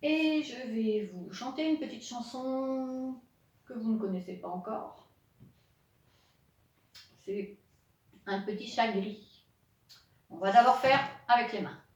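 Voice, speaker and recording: A woman's voice: a little high, slow, pauses often, distant mic. A woman teaching young children over video, with a playful, sing-song way of reciting nursery rhymes. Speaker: kindergarten teacher. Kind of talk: online lesson for young children. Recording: echoey room, off-mic.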